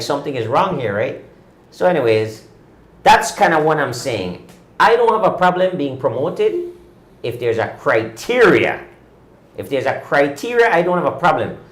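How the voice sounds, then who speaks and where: A man in his fifties with a fairly high voice hosts a cycling podcast, delivering an opinionated, indignant rant and pressing his points with repeated rhetorical questions. The room sounds echoey.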